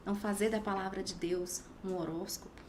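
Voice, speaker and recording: A woman's voice: medium pitch, fairly even intonation, brisk, background noise. A woman in her thirties in a casual faith podcast chat, telling her story animatedly and dropping to a whisper when she quotes scripture. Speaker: podcast guest sharing her testimony.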